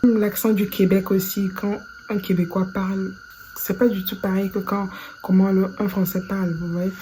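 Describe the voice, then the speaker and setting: A woman from Africa with a Cameroonian French accent, talking casually to camera in a commentary video and sometimes slipping into soft whispered asides. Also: medium pitch, little pitch movement, moderate pace, slight background noise, poor audio. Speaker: video creator commenting on Quran reciters.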